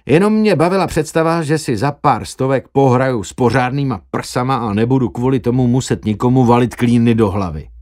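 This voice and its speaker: A man's voice: mid-range voice, few pauses, a little mellow, natural voice. A man voicing a brash, crude young male doctor who talks in a cheeky, boastful way. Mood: defensive.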